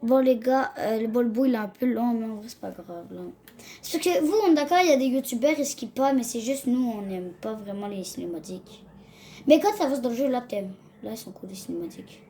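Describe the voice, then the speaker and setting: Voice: mid-range voice, lively intonation, fairly quick, dark tone. A young gamer, chatting casually to viewers over a let's-play in slangy talk. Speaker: gaming video host. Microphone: phone.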